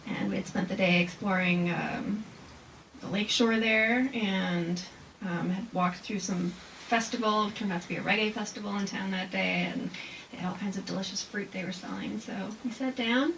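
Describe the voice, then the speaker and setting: A woman poet giving an informal reading and talk about haiku, slow and deliberate when she recites verse. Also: medium pitch, fairly even intonation, a bit bright, distant mic. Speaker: haiku poet presenting her work. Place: live reading before a small audience. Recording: noisy room with clear background noise.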